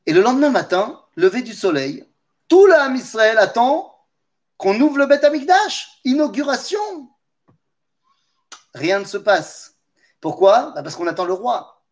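A man giving a lesson as lively storytelling, with humorous asides and questions to his listeners. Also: extremely high pitch, measured pace, pauses often. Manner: animated, humorous asides, talks to listeners directly. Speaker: teacher of Torah.

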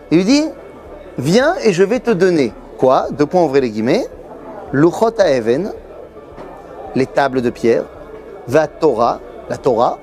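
A middle-aged man giving a lively Torah lesson to camera in a busy yeshiva study hall, telling it like a story. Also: a little high. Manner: lively storyteller, acts out quoted voices. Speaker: Torah teacher.

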